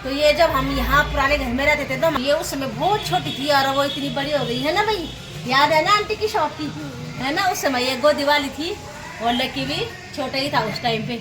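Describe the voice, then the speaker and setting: A woman's voice: high voice, moderate pace. A woman vlogging casually on a handheld phone, chatty and laughing often as she visits old friends. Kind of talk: casual vlog narration. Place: walking around a neighbourhood, indoors and out.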